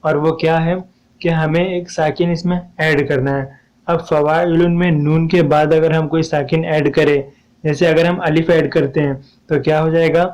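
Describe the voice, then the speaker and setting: A man's voice: on the high side, level tone, moderate pace, darkish tone, dull audio. Man teaching poetic meter, diction. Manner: patient, repeats steps, urges viewers to ask questions. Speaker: poetry teacher. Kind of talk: explaining a lesson on poetic meter.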